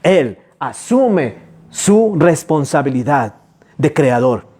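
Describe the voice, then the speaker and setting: Emphatic preacher with a lively voice. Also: male voice, on the high side. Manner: emphatic, rhetorical questions, urging listeners; stretches key words slowly, then rushes asides. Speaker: pastor. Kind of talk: sermon.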